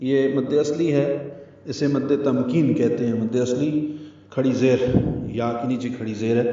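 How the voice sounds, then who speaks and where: A man's voice: mid-range voice, dark tone. A man teaching the rules of Quran recitation step by step and chanting short examples between his explanations. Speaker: tajweed teacher. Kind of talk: tajweed lesson. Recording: echoey, distant, muffled recording.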